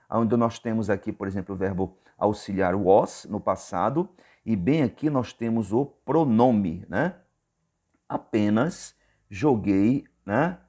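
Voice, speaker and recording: A male English teacher with a Brazilian Portuguese accent walks through grammar on a board. His voice is dark and mellow, and he goes over each point patiently, often checking that the viewer is following. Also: lowish voice. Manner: patient, repeats points, many "tá bom?" check-ins.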